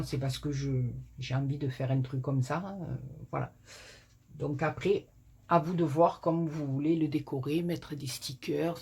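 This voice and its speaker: Woman crafting host, unhurried, a little husky, rambling and self-joking, camera on a tripod at a small desk. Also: low-pitched, darkish tone. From southern France. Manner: rambling, self-mocking, many fillers. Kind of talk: chatty card-making tutorial. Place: small home desk workspace.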